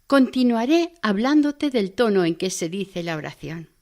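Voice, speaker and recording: A woman voicing a learned man who patiently teaches about prayer, in a calm, reverent, instructive tone. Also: medium pitch, moderate pace.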